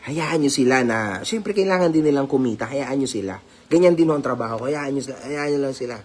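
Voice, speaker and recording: A man's voice: mid-range voice, animated, quick pace. A man talking casually to his viewers as a vlogger, teasing and laughing often and mixing English phrases into his talk. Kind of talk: casual commentary vlog.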